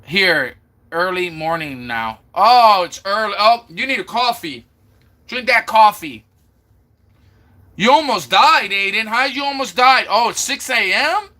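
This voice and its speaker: A man from Florida hosts a casual live stream, his voice high and very bright. He talks at an unhurried pace, repeating and sounding out viewers' names as he chats. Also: expressive. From Florida, USA. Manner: chatty, sounds out names from chat again and again.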